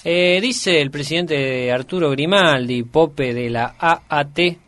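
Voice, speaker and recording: A man's voice: a little high, takes it slowly, a bit bright. A man with an Argentine accent hosting sports radio, reading out news quotes and reacting wryly. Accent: Argentine Spanish. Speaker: radio show host.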